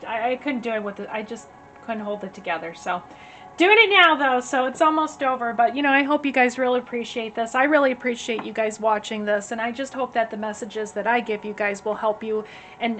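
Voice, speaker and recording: A woman giving a casual tarot reading, chatty and rambling with many fillers, her voice slightly hoarse as she is losing it. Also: on the high side, a bit bright. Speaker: tarot reader. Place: at home.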